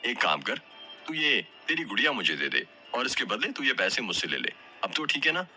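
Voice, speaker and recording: A man voicing a kind, generous older mother in an audio story, talking warmly and affectionately. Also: mid-range voice, sing-song, a little fast, soft background music. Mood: warm, motherly.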